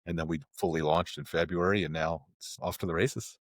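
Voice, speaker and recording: A middle-aged man talking casually as a podcast guest, rambling and restarting often, getting animated when he explains. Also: sits low, fairly quick, no room sound, clean studio sound. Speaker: podcast guest, marketing agency president. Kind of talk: casual interview talk.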